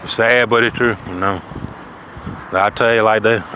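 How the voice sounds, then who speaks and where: A man ranting profanely outdoors, preaching loudly at times and dropping to a low mutter. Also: steady tone, normal speed. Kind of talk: outdoor rant to camera. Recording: wind noise outdoors.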